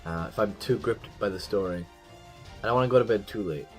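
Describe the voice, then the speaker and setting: A man streaming a story game and commenting casually, reacting excitably and swearing often. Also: lowish voice, fairly quick, faint music behind.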